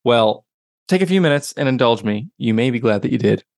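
A man hosting a podcast as a financial advisor, explaining things conversationally in a soft, late-evening radio DJ voice. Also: medium pitch, animated, brisk, no room sound, studio quality. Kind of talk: solo podcast talk. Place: home podcast room.

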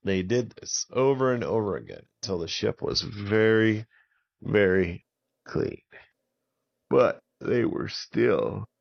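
A man telling a children's pirate story in a relaxed, improvised way, often repeating words for effect. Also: lowish voice, creaky, lo-fi sound.

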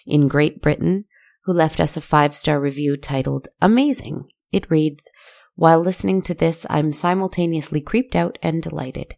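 A woman with a deep voice and a gravelly fry at its edges hosts a spooky bedtime horror podcast. Her tone is dark and soft, and she speaks gently and soothingly, as a storyteller sending listeners off to sleep. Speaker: podcast writer, host and narrator.

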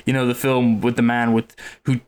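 A man's voice: medium pitch, little pitch movement, normal speed, clean tone. A man co-hosting a casual film podcast, dry and wry, hesitating often with fillers. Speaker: podcast co-host.

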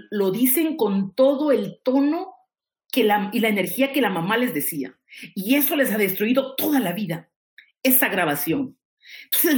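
Guest, female, 50s, earnest and animated, mid pitch. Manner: earnest, animated, acts out quoted dialogue. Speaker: guest, teacher and family therapist. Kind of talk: conversational interview answer.

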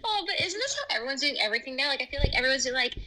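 A woman's voice: high voice, big pitch swings, racing, pushed and bright. A woman chatting casually as a podcast co-host, informal and talkative, her call audio re-recorded through a speaker. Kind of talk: casual chat. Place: remote call from home, picked up from phone speaker.

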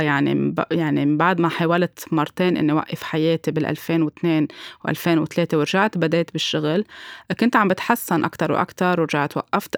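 Brief Lebanese woman, rapid candid testimony, dry close sound. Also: low voice, dry recording. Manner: candid, reflective, mixes in English words. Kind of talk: personal testimony.

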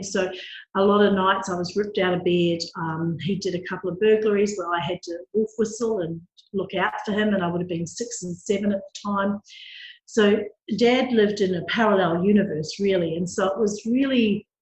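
Candid New woman in an echoey room. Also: mid-range voice. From New Zealand. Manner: candid, matter-of-fact storytelling. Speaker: guest. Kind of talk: interview.

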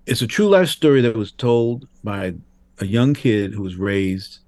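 Animated older man telling film stories. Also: fairly low pitch, a little slow, no room sound. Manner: animated anecdotes, acts out quoted voices. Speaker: guest, film director. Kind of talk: interview storytelling.

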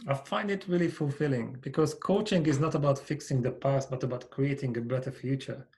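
This Hungarian-accented man from Hungary is a company founder and coach, appearing as a guest on a podcast interview. He speaks earnestly and lets his phrases fade at the ends. His mid-range voice is brisk and a little mellow.

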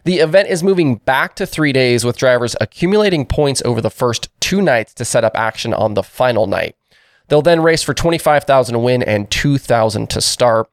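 A man with a congested voice hosting a daily racing news show, delivering items in a brisk, informal way on a new microphone. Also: mid-range voice, expressive, no room sound, clean studio sound. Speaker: host.

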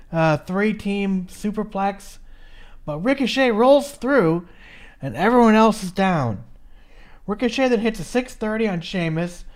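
A podcast co-host recapping a match in a chatty, casual way, swearing now and then and reading from notes. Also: medium pitch.

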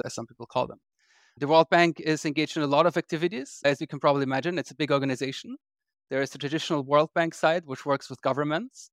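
A man from Austria, an investor guest on a podcast, explaining in a measured way. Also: fairly high pitch, clear, resonant tone, no room sound, studio quality. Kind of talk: podcast interview.

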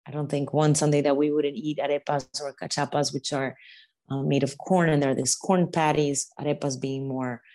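A woman's voice: low-pitched, steady tone, normal speed, darkish tone. A middle-aged woman from the United States, talking casually as an interview guest, with many restarts and repeated words.

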